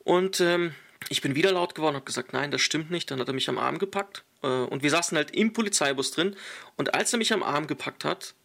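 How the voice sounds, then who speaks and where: A young adult man, a guest, telling a personal story in casual speech with animated quotes and many fillers. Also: a little high, fairly quick, gravelly.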